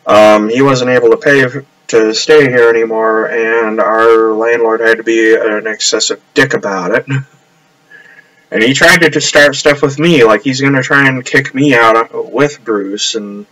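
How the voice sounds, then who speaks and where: A man's voice: medium pitch, steady tone, measured pace, a bit bright, rough recording. A man rambling casually on a live stream from his upstairs apartment, trailing off and restarting often.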